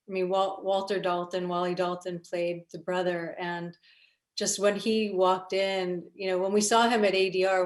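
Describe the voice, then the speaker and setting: A woman producer recounting a film shoot in a relaxed festival question-and-answer session, with light laughs. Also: on the low side. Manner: storytelling, casual, light laughs. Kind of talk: festival Q&A conversation.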